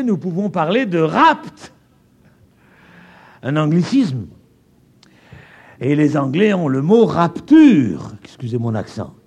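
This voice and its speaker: A man from France preaching a sermon in a French accent, stressing key words emphatically and stretching them out. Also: slightly rough. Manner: emphatic, stretching key words, wide swings in pitch and loudness.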